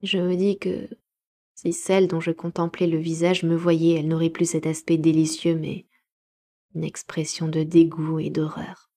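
A woman narrating a classic novel as a home-made live audiobook, measured and expressive. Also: low voice. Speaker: audiobook reader.

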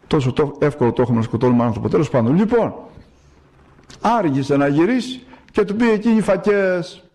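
Older Greek priest preaching, higher voice. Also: male voice, lively intonation, darkish tone. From Greece. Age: 70s. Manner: storytelling homily with rhetorical questions and acted quotes. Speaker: archimandrite priest. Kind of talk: radio sermon. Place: radio studio.

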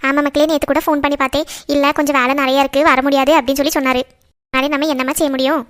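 A woman's voice: high voice, level tone, rapid-fire, a bit bright. Woman doing a fussy cartoon mother. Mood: caring. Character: caring middle-aged mother, fussy and worried. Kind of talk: cartoon voice acting.

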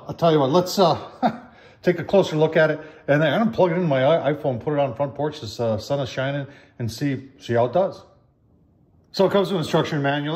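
A man's voice: mid-range voice, a little mellow. An older man chatting casually at home in his kitchen, reviewing a product in a folksy way, calling his viewers "folks", with the phone camera close at hand.

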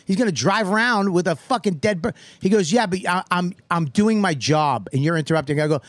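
Animated, high-pitched man telling a story. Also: brisk, no room sound. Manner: animated, profane, acts out other people's lines. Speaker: podcast host. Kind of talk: comedic storytelling on a podcast.

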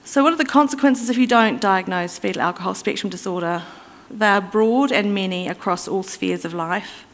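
A woman presents at a conference at a mid-range pitch, explaining step by step in a conversational way. She pauses on fillers and restarts now and then. Her voice carries a long reverb from the hall around her. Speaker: conference speaker.

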